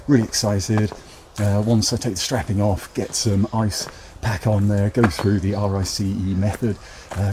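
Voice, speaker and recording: A British man chatting casually to camera as a running vlogger. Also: fairly low pitch. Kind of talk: casual vlog chat to camera. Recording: noisy vlog recording with clicks.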